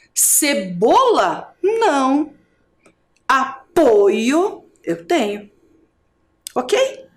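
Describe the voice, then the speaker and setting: A woman teacher from Curitiba with a Brazilian Portuguese accent leads an adult education video lesson. Her voice is high and rises and falls a great deal. She speaks slowly, stretching out syllables for drilling and turning often to ask the viewer questions. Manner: slow, drawn-out syllables for drilling.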